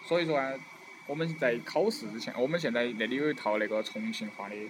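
A man's voice: medium pitch, fast talker, background noise. A man with a Chongqing Sichuan accent co-hosting a podcast in casual, joking banter. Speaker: podcast co-host. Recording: loud music behind the voice.

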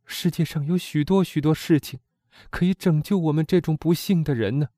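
A man's voice: a little high, a little fast, dark tone, no echo, studio quality, lightly acted. A man voicing a young woman in despair who pleads with her beloved, in an anguished, imploring audiobook reading. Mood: hushed.

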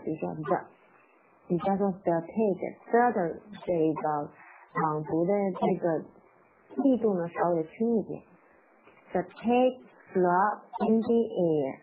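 A woman with a lowish voice gives a live-streamed English lesson. She repeats words slowly and patiently and breaks down their sounds. The audio is thin and phone-like, with faint hiss behind her. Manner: reads the rhyme aloud at slow, medium and fast speeds. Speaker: English teacher for parents and children. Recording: tinny phone-like sound with faint background noise.

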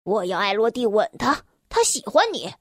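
A woman's voice: mid-range voice, lively intonation, normal speed, dry recording, clean studio sound, lightly acted. A woman voicing a bratty boy who bullies and jeers, then groans in pain. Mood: jeering. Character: bratty mean boy bully, later weak and sorry.

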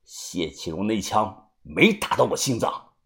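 A man voicing a cold, vengeful young man who came back from death, speaking low and quiet. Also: sing-song, a little slow, full character voice. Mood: cold menace.

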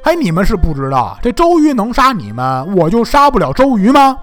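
A proud, fierce young noblewoman who lashes out with sharp, imperious scolding, played by a man telling the story. The voice sits high and swoops widely, spoken over faint music. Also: big pitch swings, fairly quick.

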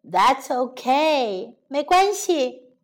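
A woman voicing a caring mother in a children's storybook, speaking gently. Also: high voice, big pitch swings, very slow, heavily acted. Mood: gentle motherly.

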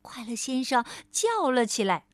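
A woman storyteller reading a picture book aloud to a child, gently addressing the listener as darling. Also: on the high side, big pitch swings, unhurried, no echo, studio quality.

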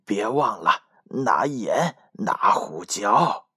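A man voicing the second fox in a children's storybook, a drooling, jittery male fox who speaks slowly and shakily. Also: lowish voice, sing-song, bright, forceful tone, husky, exaggerated voice. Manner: slow, drawn-out, shaky.

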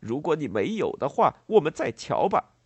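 A man voicing a greedy, bullying middle-aged landowner who shouts and blusters in a husky voice. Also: on the high side, big pitch swings, moderate pace, dry recording, voice pushed up, exaggerated voice. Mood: furious.

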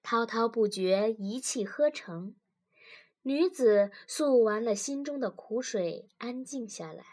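A woman reading a story aloud in scripted narration, expressive, with wry asides. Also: fairly high pitch, slow.

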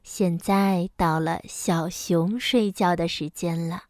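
A woman doing a soft-spoken mother bear. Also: expressive, slow pace, dry recording, clean studio sound. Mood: soothing. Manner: soft, low, hushed. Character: gentle soothing mother bear.

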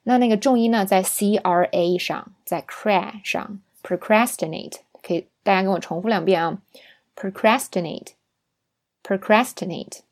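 A woman's voice: medium pitch, steady tone, normal speed, few pauses, a little mellow. Patient woman teaching English pronunciation. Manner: patient, explains pronunciation syllable by syllable; often checks in with a tag question. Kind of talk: spoken language lesson.

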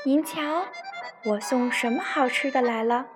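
A woman's voice: high-pitched, unhurried, over music, pitched above the performer's own voice. A woman voicing a sly, boastful little fox in a bedtime story, speaking smugly and coaxingly. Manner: smug, coaxing, cheerful.

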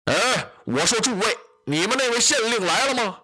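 A hot-tempered general who barks and roars in gruff bursts, put on by a storyteller. His voice swings high and low in a bright, husky tone, with a lilt. It sounds like a staged tale told aloud. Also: lively intonation, normal speed, full character voice. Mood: angry. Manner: bellowing, gruff outbursts. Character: fiery blustering male general, loud and short-tempered.

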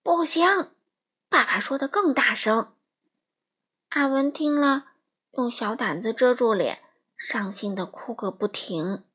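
A woman reading a picture book aloud to young children in a lively, coaxing storytelling manner. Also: a little high, measured pace, pauses often, breathy edge.

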